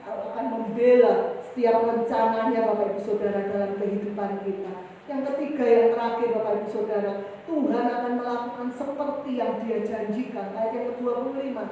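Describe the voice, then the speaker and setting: Impassioned woman pastor preaching in echoey hall. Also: a little hiss or hum. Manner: impassioned, rises high and loud when quoting her prayers; repeatedly addresses the congregation directly. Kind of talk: sermon with personal testimony. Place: church hall. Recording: echoey church hall, mic at a distance.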